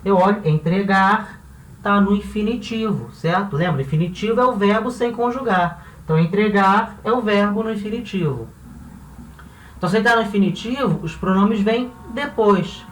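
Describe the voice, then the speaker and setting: A man's voice: high voice, moderate pace, fairly bright tone, a little hiss or hum. A man teaching a grammar lesson, explaining step by step and asking rhetorical questions as he goes. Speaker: Spanish teacher. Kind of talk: classroom-style grammar lesson. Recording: roomy, slightly distant mic.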